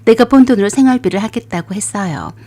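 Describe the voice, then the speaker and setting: Woman narrator, first-person story, calm conversational telling, mellow dark tone. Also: medium pitch, quick pace.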